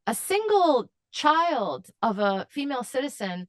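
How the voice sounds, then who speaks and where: A woman's voice: high-pitched, big pitch swings, measured pace, dry recording. A woman guest in an interview, answering at length in an impassioned way with fillers and restarts. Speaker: advocacy guest.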